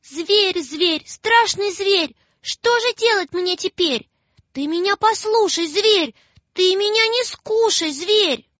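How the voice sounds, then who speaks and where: A woman's voice: expressive, slow, fairly bright tone, no room sound, full character voice. A woman voicing a frightened little girl who cries and pleads in rhyming lines. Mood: worried. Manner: high, crying, rhyming pleas. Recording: dull lo-fi sound with faint music.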